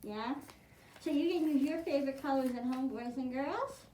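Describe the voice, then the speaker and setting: A woman with a high, mellow voice speaks at a normal pace, walking children through a craft with simple, encouraging step-by-step instructions. The recording has a roomy echo, noticeable noise, and clicking.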